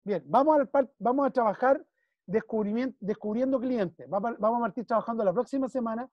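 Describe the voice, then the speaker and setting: A man's voice: very high voice, a little fast, no room sound, highs cut off. A man with a Chilean accent coaching a client one-on-one, emphatic and repeating key phrases while he checks in. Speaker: business consultant.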